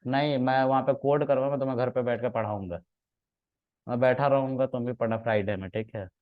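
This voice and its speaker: A man's voice: mid-range voice, steady tone, brisk, phone-quality sound. A man teaching a class as their trainer, teasing his students in playful, casual banter and mixing in English words.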